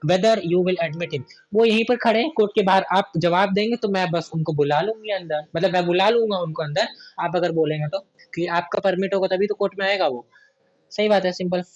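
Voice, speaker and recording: A male teacher giving a chatty classroom literature lesson who keeps asking students about doubts and reads verse very slowly. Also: high voice.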